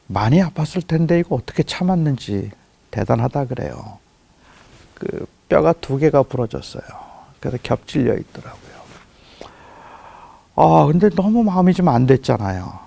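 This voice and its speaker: A middle-aged man preaching a sermon, telling a personal story in a soft, hushed voice that rises to impassioned pleading. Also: medium pitch, animated, normal speed, gravelly, breathy edge, no room sound. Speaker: pastor.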